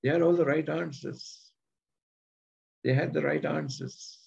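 Husky-voiced man preaching a sermon. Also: a little high, fairly even intonation, a little mellow. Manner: earnest, slows down to stress scripture. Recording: dull lo-fi sermon recording.

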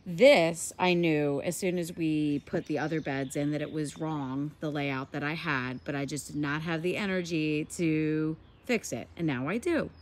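With a deep, stuffy, nasal voice, this woman in her forties speaks a little slowly and with few pauses. She's a garden vlogger doing a casual walk-and-talk outdoors, recorded on a handheld phone, chatty, enthusiastic and quick to laugh.

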